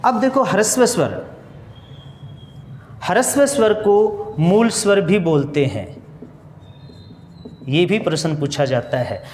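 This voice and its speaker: A man's voice: sits high, expressive, slow, pauses often, a little mellow, a little hiss or hum. A male teacher giving a grammar lesson for exam students, explaining step by step, asking questions and answering them himself, and repeating key points. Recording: echoey room with long reverb.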